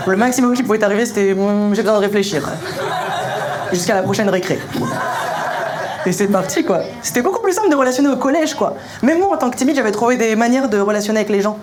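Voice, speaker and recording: Young man, punchy stand-up comedy, very quick delivery, slangy animated storytelling, noisy live recording. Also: extremely high pitch. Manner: animated storytelling, acting out dialogue; colloquial, slangy. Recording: live show recording with clear noise.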